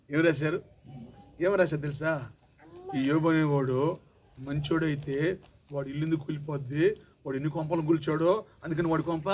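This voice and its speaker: A man preaching a sermon as pastor, repeating his lines and calling on the congregation to answer loudly. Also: fairly high pitch. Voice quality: calls for loud amens and repeats. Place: church hall with congregation. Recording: loud congregation noise. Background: congregation responding.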